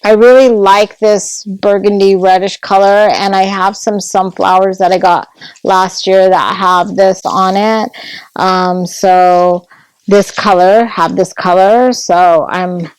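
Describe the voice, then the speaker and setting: A woman's voice: mid-range voice, fairly even intonation, takes it slowly, clean tone, no room sound, low-quality recording. A woman vlogging at home, chatting casually and gushing over a craft haul, sometimes dropping to a whisper.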